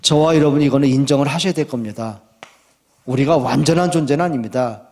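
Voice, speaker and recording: A man preaching a sermon as pastor, reading scripture slowly and acting out quoted complaints with a raised voice. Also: medium pitch, a little mellow. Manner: reads scripture slowly and deliberately.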